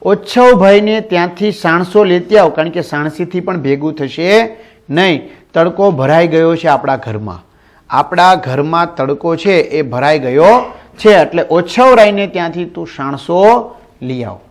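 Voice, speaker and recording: A man voicing a loud-voiced young daughter who calls out urgently, in a storybook lesson. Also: a little high, unhurried, lightly acted.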